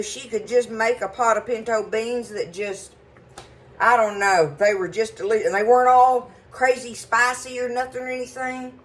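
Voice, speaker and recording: Cooking in her home kitchen, a woman with a slightly high voice hosts a relaxed cooking show, drifting into stories as she chats folksily. There is a little background noise, and the audio quality is rough.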